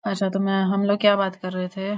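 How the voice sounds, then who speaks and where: A woman's voice: medium pitch, completely flat delivery, lo-fi sound. Patient woman teaching letter sounds. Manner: patient, repeats letter sounds slowly and checks with "theek hai?". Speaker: Quran recitation teacher. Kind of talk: online lesson on letter pronunciation.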